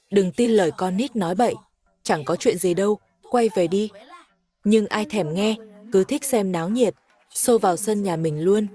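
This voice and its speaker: Mellow-voiced woman narrating a cartoon story. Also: mid-range voice. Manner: steady, even storytelling in first person. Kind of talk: scripted narration of a cartoon recap.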